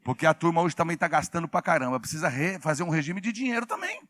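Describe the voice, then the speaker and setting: Man in his 60s preaching, high bright voice. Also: sing-song, fast, no echo, clean studio sound. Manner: call-and-response preaching, shouting prompts to the congregation. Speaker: pastor. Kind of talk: sermon. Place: church hall.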